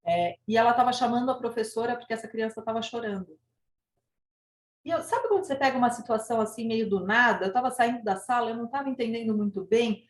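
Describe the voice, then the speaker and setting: A woman's voice: on the high side, quick pace, echoey room. A woman from Brazil, an educator telling a school story in a training talk and acting out the dialogue. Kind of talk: online teacher training talk.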